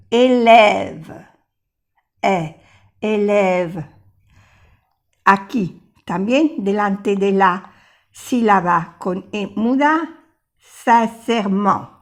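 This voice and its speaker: Slow, patient older woman teaching. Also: mid-range voice. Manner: patient, repeats each word slowly. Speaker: language teacher. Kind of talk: slow explanatory lesson.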